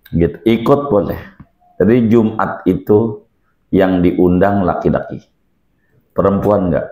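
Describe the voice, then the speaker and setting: Male preacher, low voice, joking slangy religious lecture, repeats points. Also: warm tone. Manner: jokey, uses Betawi slang and repeats phrases.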